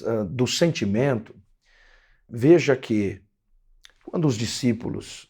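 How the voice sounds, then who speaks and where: A middle-aged man, a pastor giving a short devotional talk in a reflective, measured way with pauses. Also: medium pitch, darkish tone.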